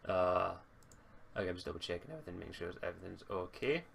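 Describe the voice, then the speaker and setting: A man serving as game master for a casual online tabletop game speaks fast and animated in a deep, creaky voice, hesitating and muttering while he checks things. He's on a voice call through a noisy home computer mic.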